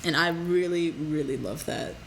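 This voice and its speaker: A woman's voice: sits low, normal speed, gravelly, fairly bright tone, a little hiss or hum, poor audio. A woman co-hosting a podcast, chatting casually about a reality show, laughing often and using lots of fillers. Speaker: podcast co-host.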